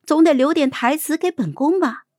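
Woman doing a quick-witted young princess, kinda high and lively, bold and a bit cheeky. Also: dry recording, clean studio sound. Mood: wry.

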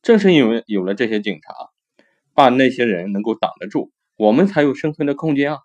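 A man's voice: mid-range voice, big pitch swings, brisk, darkish tone. A man voicing an old male robber who earnestly lectures his apprentice, in a story told on a talk show, on a dull lo-fi recording. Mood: lecturing.

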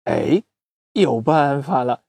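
A storyteller voicing an excitable little male bean bug who chatters urgently in a children's story. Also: mid-range voice, slow, no room sound. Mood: alarmed.

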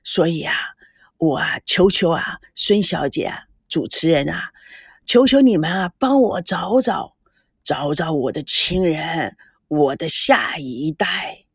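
Audiobook: woman voicing a pleading old soldier, deep and slow, dry booth sound. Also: animated, husky, no room sound, heavily acted. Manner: slow, pleading, drawn-out sentence endings. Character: old homesick male war veteran, pleading.

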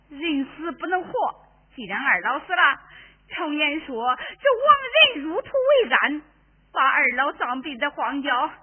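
A woman in a Henan opera playing a scheming, greedy sister-in-law who speaks in a piercing stage voice with mock wailing. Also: sits high. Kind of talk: Henan opera spoken dialogue. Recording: tinny phone-like recording.

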